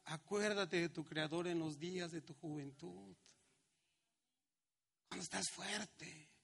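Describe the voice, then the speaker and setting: Brief: middle-aged pastor, high voice with gravel, slow emphatic sermon delivery. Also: male voice, fairly bright tone. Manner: preaching with slow emphatic lines and acted-out quotes.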